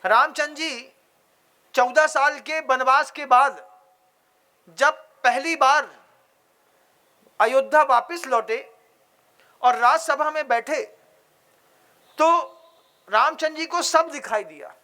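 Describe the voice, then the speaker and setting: High-voiced, bright preaching man. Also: slow pace, long pauses. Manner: exhorting, rhetorical questions to the audience. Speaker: Jain monk preacher. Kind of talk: sermon.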